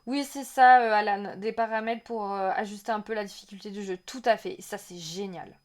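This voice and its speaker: A woman streaming a casual reaction to a game trailer, chatting with her viewers and reading their messages aloud in an excitable, rambling way. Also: medium pitch, moderate pace.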